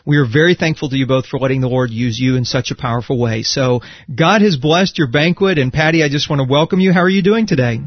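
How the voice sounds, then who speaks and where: A man hosts a call with a slightly husky voice that sounds dry and dulled by the phone. He speaks in a polished, upbeat interviewer's manner. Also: mid-range voice, quick pace, no room sound, muffled recording. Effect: heard over the phone. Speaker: host.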